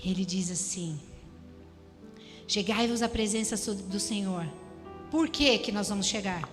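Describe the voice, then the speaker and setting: A woman's voice: mid-range voice, measured pace. A Brazilian woman preaching a sermon to her congregation, repeating phrases and exhorting the listeners. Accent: Brazilian Portuguese. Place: church hall. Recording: church hall reverb with music.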